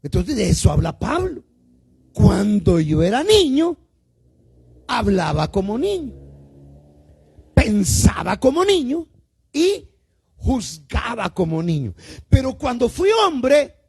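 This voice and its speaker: Gravelly Salvadoran pastor preaching slowly. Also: male voice, very high voice, very animated. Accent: Salvadoran Spanish. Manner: questions the congregation directly, calling them "hermano"; drawn-out emphatic words, swinging between loud and quiet. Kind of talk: sermon. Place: church service.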